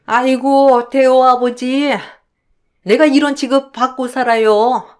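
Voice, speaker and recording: A woman's voice: on the high side, expressive, a little slow. A woman voicing a domineering older mother-in-law who wails and complains in self-pity, in a radio drama. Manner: wailing, self-pitying complaints.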